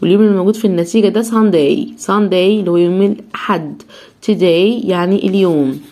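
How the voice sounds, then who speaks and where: A young Egyptian woman teaching children English, breaking each word into slow syllables and repeating it many times. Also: lowish voice, mellow. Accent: Egyptian Arabic. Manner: drills each word slowly, syllable by syllable, over and over.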